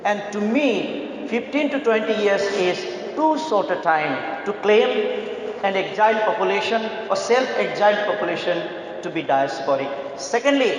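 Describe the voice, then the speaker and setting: A man from Nepal speaking, giving a formal, measured talk as a literary critic on a festival panel. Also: sits high. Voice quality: measured, deliberate delivery with pauses. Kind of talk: formal conference speech. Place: large conference hall. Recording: very echoey hall, faint noise.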